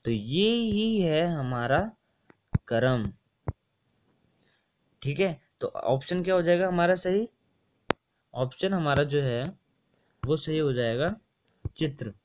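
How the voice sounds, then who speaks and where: A man's voice: on the high side, animated, slow, long pauses, a little hiss or hum. A young man tutoring for a Hindi exam in a casual, repetitive way, often mixing English words into his explanations. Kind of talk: casual screen-share lesson explaining test answers.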